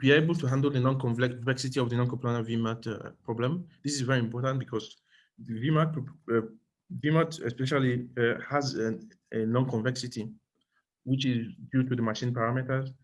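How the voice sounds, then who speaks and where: A doctoral candidate with a mid-range, steady voice presents his thesis defense. He speaks hesitantly and haltingly, frequently repeating and rephrasing what he says.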